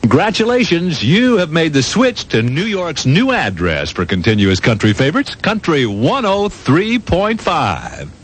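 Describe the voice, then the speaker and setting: High, animated American male country DJ. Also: a little slow, hardly any pauses, slightly rough, low-quality recording. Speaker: country radio DJ. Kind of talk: live radio presenting. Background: faint music.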